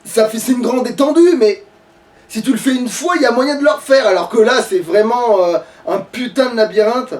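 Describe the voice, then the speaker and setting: With an extremely high voice and moderate pace, this man plays a game on stream and offers casual commentary, muttering complaints and curses at both the game and himself. The recording comes from a distant mic, and game music plays in the background.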